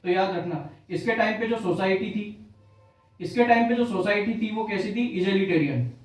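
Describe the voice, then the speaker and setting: A man's voice: high voice, moderate pace, distant mic, soft background music. A man teaching a history lesson for exam prep, repeating each key fact as a question and then answering it, with English terms mixed in. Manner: mixes English terms into Hindi. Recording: very echoey room, voice off-mic.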